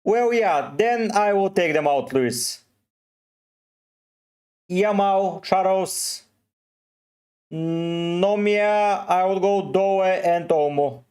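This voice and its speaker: A man from Bulgaria with a Bulgarian accent, live streaming and slowly answering viewers' questions one by one. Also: high voice, a little mellow. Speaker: fantasy football streamer. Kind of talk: live stream chat, reading comments.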